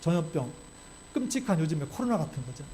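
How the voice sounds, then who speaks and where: A male pastor delivers a sermon at a brisk clip, his voice sitting high yet mellow in tone. He talks in an animated way and keeps throwing rhetorical questions to the congregation. A faint hiss runs under his voice. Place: church sanctuary.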